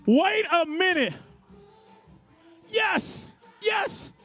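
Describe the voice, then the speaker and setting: Hosting a live dance contest, a male hype announcer urges the crowd on with shouted, exuberant exhortations, whoops and repeated phrases. His voice is very high-pitched, sing-song and very slow, with loud music playing behind him.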